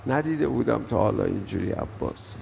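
A man's voice: on the low side, lively intonation, creaky, darkish tone. An older man preaching an emotional mourning sermon, telling stories that swell and drop in intensity. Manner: storytelling, swells and drops in intensity. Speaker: preacher reciting mourning elegy. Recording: long hall reverb, faint background noise.

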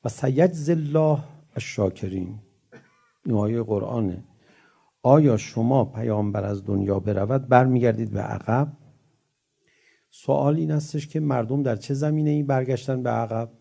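A man preaching a religious sermon who chants scripture verses slowly, then explains them in lively, storytelling speech with rising emphatic peaks. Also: medium pitch, creaky, husky.

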